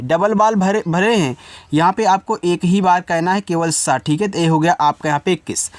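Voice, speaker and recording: A man's voice: high-pitched, no echo. A man teaching a spoken English lesson, spelling out words letter by letter and asking his viewers questions again and again. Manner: repeats check-ins and asks the viewer questions.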